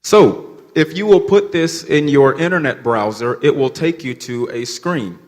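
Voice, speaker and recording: A man's voice: fairly high pitch, slow, a little mellow. A man with an American accent, a native English speaker who keeps it when speaking Spanish, teaching an audience in short plain phrases. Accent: American, also heard when speaking Spanish. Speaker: visiting speaker teaching a church seminar. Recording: echoey hall, long reverb.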